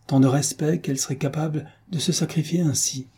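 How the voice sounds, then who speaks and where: A man voicing a gravely ill, grieving noble mother in an audiobook, weak and pleading. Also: on the high side, steady tone, fairly quick, mellow, voice pushed up. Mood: weary.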